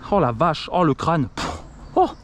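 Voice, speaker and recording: A young man exclaims nonstop as he films himself from a kayak on a river, talking straight to his action camera and to the fish. His voice sits fairly high. Faint water noise runs under the outdoor recording. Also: a little slow. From France. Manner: excitable, exclaims constantly, talks to the camera and the fish. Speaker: kayak angler filming himself. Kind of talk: excited vlog commentary.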